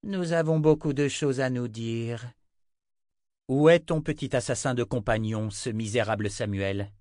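A man's voice: medium pitch, a little slow, a little mellow, dry recording, studio quality, natural voice. A man voicing a scornful, defiant female seer with a ghostly grace in an audiobook. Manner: cold, defiant.

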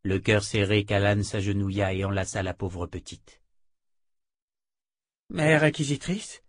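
A man narrating a fantasy audiobook in a calm, measured way. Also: low-pitched, no room sound, clean studio sound.

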